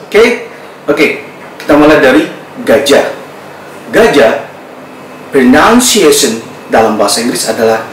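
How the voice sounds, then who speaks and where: A man with an Indonesian accent teaching English pronunciation, saying each word slowly and drawn out again and again. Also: mid-range voice, a bit bright, roomy sound, slight background noise, poor audio. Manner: slow, drawn-out repetition of words. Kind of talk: pronunciation lesson.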